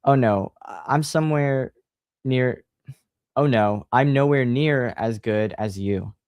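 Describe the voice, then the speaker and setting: A man's voice: mid-range voice, slow, a little mellow, clean tone, no echo. A man reading aloud and voicing a meek, stammering little girl who makes movies. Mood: timid. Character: timid young girl who loves making movies.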